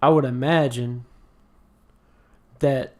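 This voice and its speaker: A man's voice: medium pitch, fairly even intonation, takes it slowly, darkish tone. A man chatting casually about an anime as a podcast co-host, rambling with many fillers and restarts, sleepy and yawning.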